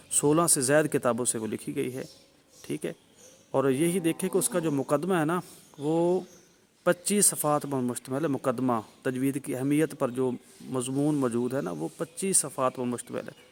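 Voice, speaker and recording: A man teaching the rules of Quran recitation. He explains step by step, repeats his points, checks in with his listeners and sounds out example syllables loudly and slowly. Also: medium pitch, a little hiss or hum. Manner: demonstrates sounds with loud drawn-out examples. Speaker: tajweed teacher.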